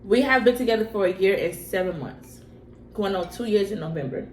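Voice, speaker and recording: A woman's voice: mid-range voice, brisk, a little mellow. A young adult woman chatting casually as a vlogger, informal and slangy, repeating herself for emphasis. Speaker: vlogger answering personal questions. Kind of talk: casual mukbang chat to camera. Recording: echoey room with faint background noise.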